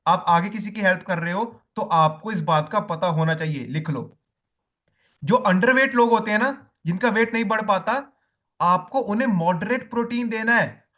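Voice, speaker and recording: High-voiced male coach, repeats points. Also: fairly bright tone. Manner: repetitive, tells listeners to write points down. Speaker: diet coach. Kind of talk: spoken lesson to coaches.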